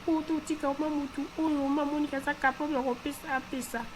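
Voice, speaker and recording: A woman with a high, fairly flat, everyday-sounding voice speaks briskly as an earnest, insistent cartoon character, often repeating herself. The conversational dialogue mixes Lingala and French, over a noisy background hum.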